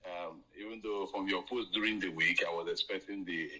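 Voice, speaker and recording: A man calling into a live audio show over a conference call line that cuts in and out, talking in halting bursts with emphatic questions. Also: low voice, steady tone, bright, forceful tone, husky, rough recording. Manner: halting, restarts often, rising emphatic questions. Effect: heard over a conference call line, audio cutting in and out. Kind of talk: casual call-in opinion.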